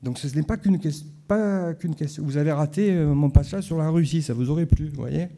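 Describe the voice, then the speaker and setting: Dark-voiced man with a Marseille accent. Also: on the high side, fairly quick. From Marseille, France. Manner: conversational, asides to the audience. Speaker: conference speaker. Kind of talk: conference talk. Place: conference hall.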